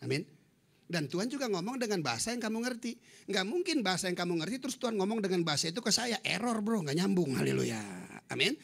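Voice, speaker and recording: Animated gravelly preacher man. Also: high voice, quick pace. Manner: animated, shouting hallelujahs, comic storytelling. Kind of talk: humorous sermon testimony.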